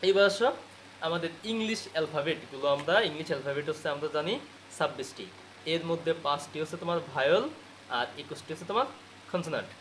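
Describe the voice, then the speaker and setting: A high-pitched man teaches English pronunciation to students. He drills each point by asking a question and answering it at once. A faint hiss runs under his voice. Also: quick pace, fairly bright tone. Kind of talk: spoken lecture to students.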